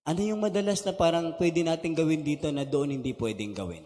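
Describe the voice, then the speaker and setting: A man's voice: on the high side, a little fast, mellow. A middle-aged male pastor giving a conversational values seminar, asking his audience questions and mixing in English phrases. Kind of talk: seminar lecture to a live audience. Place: meeting hall with an audience. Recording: reverberant hall.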